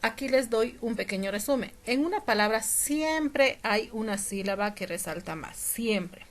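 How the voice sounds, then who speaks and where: A woman teacher explaining a lesson patiently, repeating examples slowly and often checking that her students follow. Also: on the high side, lively intonation.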